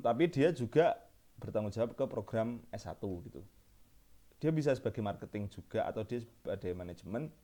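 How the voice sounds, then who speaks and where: Young guy with a lilt lecturing casually, lots of uh and restarts, lowish warm voice. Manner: loose, chatty explaining with frequent fillers and restarts.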